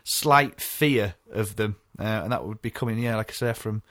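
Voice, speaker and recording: A man's voice: fairly low pitch, moderate pace, fairly bright tone, dry recording. Chatty man, dry sound. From North East England. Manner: chatty, laughs often, rambling recollections. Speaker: podcast co-host. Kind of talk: casual podcast chat.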